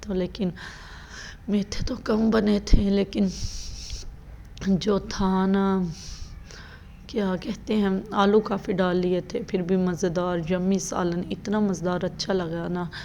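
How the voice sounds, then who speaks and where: Brief: chatty thirties mom, flat warm delivery, faint room hum from a phone mic. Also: female voice, medium pitch, takes it slowly, creaky, pauses often, highs cut off. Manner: chatty, rambling, quotes her children. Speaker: mother and family vlogger. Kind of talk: casual vlog narration.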